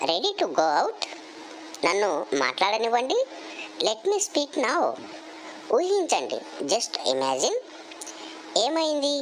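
A woman's voice: on the high side, slight background noise, poor audio. A woman teaching English, saying each phrase and then its English version. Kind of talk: slow phrase-by-phrase language lesson.

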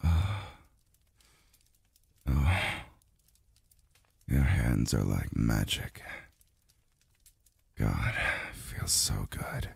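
Man voicing very deep, gravelly, weary Zhongli. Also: big pitch swings, no echo, exaggerated voice. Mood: relaxing, yielding. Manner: halting, murmured, sighing delivery. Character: weary, tender adult male immortal being soothed by a lover. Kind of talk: intimate ASMR roleplay. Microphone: close dry microphone.

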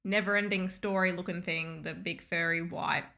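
Young aussie woman co-hosting, just chatting, clear bright edge to her voice, desk mic. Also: fairly low pitch, fairly even intonation, moderate pace. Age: young adult. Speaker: reaction video co-host. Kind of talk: casual chat. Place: small indoor home studio. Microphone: microphone on a desk boom arm.

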